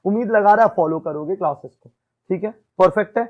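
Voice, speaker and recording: A man's voice: high-pitched, fairly quick, phone-quality sound. A male accounts teacher giving a classroom lecture in mixed Hindi and English, often checking "ठीक है?" and quizzing his students.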